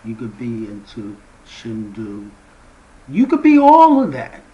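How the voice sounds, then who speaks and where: A man speaking as the founder of a spiritual movement addresses his viewers directly, preaching slowly, deliberately and emphatically. His pitch and loudness swing hugely as he leans hard into key words, and the audio is dull.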